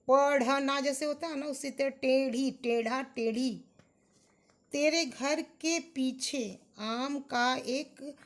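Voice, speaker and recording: A woman teacher with an Indian accent gives an online lesson to young pupils, patiently repeating words and contrasting their sounds. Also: high-pitched. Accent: Indian English. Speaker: school teacher.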